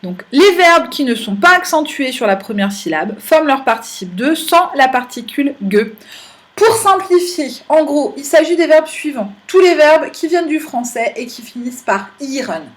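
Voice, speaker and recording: A woman's voice: sits high, expressive, moderate pace, a little hiss or hum. A woman teacher giving a recorded German grammar lesson, explaining patiently with small fillers.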